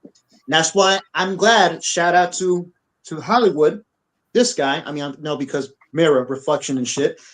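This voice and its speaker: Animated, cussing man on a rant. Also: on the high side, normal speed, poor audio. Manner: blunt, repetitive, profane, animated. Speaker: podcast co-host. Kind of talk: heated opinion rant. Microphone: on camera.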